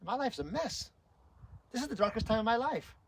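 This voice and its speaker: A man's voice: very high-pitched, animated, a little fast, vocal fry, slight background noise, rough recording. A middle-aged man telling his life story to an audience, earnest and emotional, often restarting and repeating words. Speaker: speaker sharing his testimony. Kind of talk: personal testimony talk to an audience.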